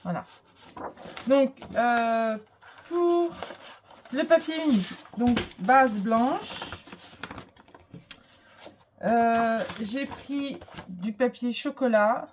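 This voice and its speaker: A woman's voice: a little high, animated, drawn-out words, pauses often, a little mellow, slight background noise. A woman with a cold presenting a handmade album in a casual show-and-tell, hesitant and full of fillers. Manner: hesitant, full of fillers and little "hop" interjections. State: has a cold.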